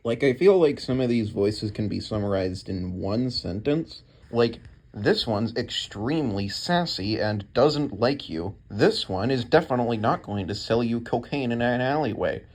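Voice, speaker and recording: A man's voice: mid-range voice, animated, moderate pace. A man hosting a video, giving casual scripted ranking commentary. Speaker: video host.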